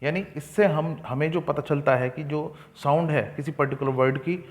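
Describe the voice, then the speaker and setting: A young man teaching an exam-prep lesson. He reads English points slowly and explains them in Hindi with frequent fillers. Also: on the high side.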